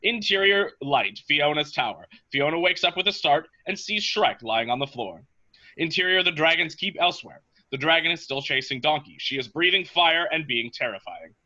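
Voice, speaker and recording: A man narrates stage directions from a script. His voice is slightly high and very sharp, on a somewhat dull recording. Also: lively intonation, moderate pace.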